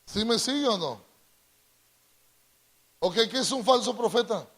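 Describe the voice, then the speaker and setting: Slow, high-voiced Latin American preacher. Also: male voice, lively intonation, fairly bright tone. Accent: Latin American Spanish. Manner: drawn-out emphatic delivery, prompts congregation to repeat. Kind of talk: call-and-response sermon.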